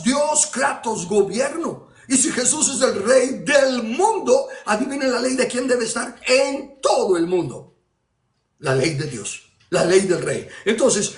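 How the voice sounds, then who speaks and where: High-voiced man preaching emphatically. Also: reverberant. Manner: emphatic, with rhetorical questions and repetitions. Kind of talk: sermon.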